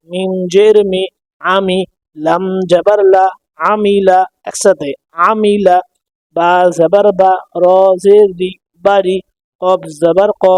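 High-voiced guy teaching quran letters slowly, mellow tone, dry close sound. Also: no room sound. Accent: Bangladeshi Bengali. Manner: patient, repeats syllables for listeners to follow. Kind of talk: slow drilled recitation lesson.

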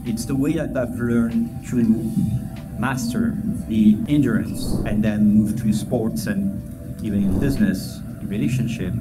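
On a conference stage, a middle-aged Frenchman with a French accent, an entrepreneur and endurance athlete, gives a loose, joking talk built on personal stories. His voice is medium-pitched and conversational. The audio is poor, with loud, clear music playing under the speech.

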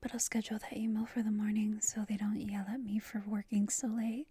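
In a whispered role-play, a woman plays a tired, playful, affectionate girlfriend on a late-night call with her lover, speaking intimately and a bit hesitantly. Her mid-range voice is level, brisk and warm with a breathy edge. The mood is tired and sheepish.

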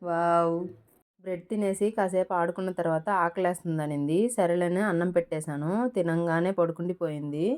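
A woman's voice: fairly low pitch, brisk, hardly any pauses, darkish tone. A young woman, chatting casually through her day at home in a vlog. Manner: chatty, talks to her toddler in a raised coaxing voice. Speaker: vlogger, mother.

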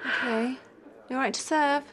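An actress playing a brisk, bossy woman who runs a shop. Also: high-pitched, steady tone, a bit bright. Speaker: actress in a TV soap.

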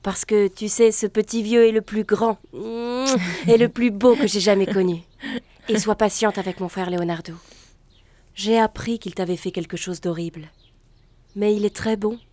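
A woman's voice: mid-range voice, fairly even intonation, normal speed, mellow, no echo, natural voice. An actress playing a tender, earnest young woman in a dubbed telenovela. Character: warm young woman, loving granddaughter.

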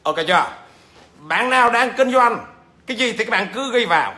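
A man's voice: very high-pitched, lively intonation, moderate pace, pushed and bright. A man, a business trainer, giving a livestreamed lecture; he stammers at times and keeps checking in with viewers through questions.

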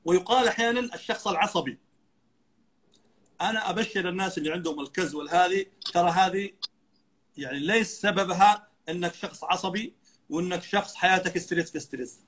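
Man, dentist guest, high voice, rapid lecturing delivery. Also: fairly bright tone, husky. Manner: earnest, lecturing, mixes in English medical terms. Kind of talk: explanatory interview talk.

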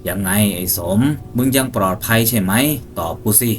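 A man voicing a ghostly impostor posing as a hunter's friend, speaking in a flat, even, unafraid voice in a spooky storytelling. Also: low voice, moderate pace, slight background noise, lightly acted. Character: eerie impostor hunter, calm then menacing.

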